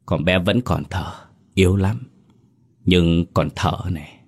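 A man doing a hoarse weary old servant. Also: deep voice, slow, exaggerated voice. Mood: grim warning. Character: older male servant, weary and resigned.

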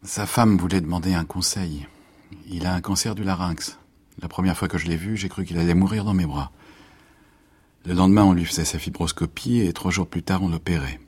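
Low, husky radio-drama doctor, weary and confiding. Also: male voice, steady tone, fairly quick, a little mellow. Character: weary middle-aged country doctor. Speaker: country doctor.

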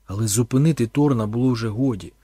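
A man's voice: mid-range voice, fast talker, warm tone, breathy edge, dry recording, studio quality. A man narrating an audiobook in a dramatic, storytelling manner.

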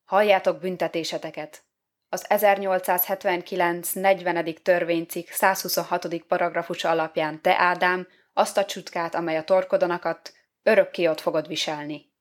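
A woman's voice: on the low side, fairly even intonation, lightly acted. A woman doing the stern Lord of paradise, formal and severe.

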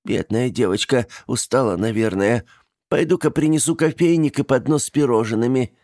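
A man reading an audiobook voices a fussy elderly aunt with a fierce temper, shrill and scolding. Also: normal speed, a little mellow, no room sound, studio quality, natural voice. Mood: fussing.

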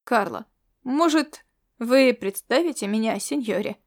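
A woman voicing a watchful young man, a former scout, who speaks low and curtly in an audiobook story. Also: expressive, a little slow. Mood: polite. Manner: low, hushed and curt. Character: watchful young male ex-spy, curt.

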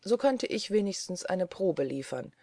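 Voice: mid-range voice, sing-song, moderate pace, dark tone, dry recording. A reader voicing a confident male lawyer in a courtroom, speaking in an assured, polished way.

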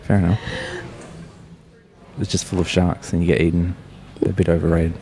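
A man's voice: deep voice, flat delivery, normal speed, dark tone, slight background noise. A man hosting a podcast interview, chatting casually and rambling with lots of fillers. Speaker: podcast host.

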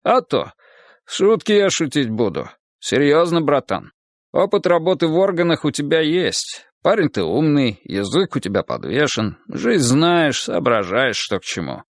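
A man's voice: very animated, measured pace, dry recording, clean studio sound. A man voicing a boisterous, well-off middle-aged man who pushes his help on an old friend, in an audiobook. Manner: hearty, pushy, higher and louder than the narration.

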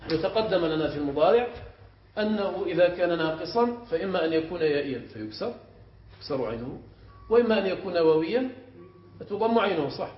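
A man, a sheikh, teaching a grammar class. He explains step by step and often checks the students with quick questions. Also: sits high, animated. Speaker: sheikh teaching Arabic morphology. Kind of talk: classroom lesson. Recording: echoey room, muffled sound, faint hiss.

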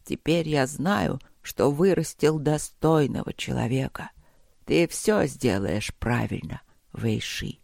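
A man voicing a dying old emperor grandfather who speaks gently to his grandson in a slow, breathy whisper, short of breath. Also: mid-range voice, dry recording, clean studio sound. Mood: weak, tender.

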